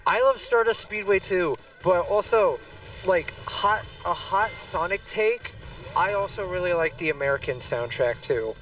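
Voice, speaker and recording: A man with a somewhat high voice chats loosely on a game stream, stringing thoughts together with lots of fillers. He sits a little away from the mic, and faint game music plays under him. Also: measured pace, fairly bright tone, far from the mic, rough recording. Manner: rambling, heavy on fillers. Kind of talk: casual chat while gaming.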